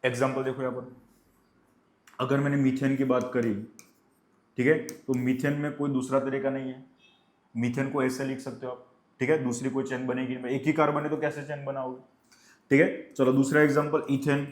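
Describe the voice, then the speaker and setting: A male chemistry teacher lecturing a class, who asks questions and answers them himself and dictates definitions slowly. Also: medium pitch, little pitch movement, reverberant.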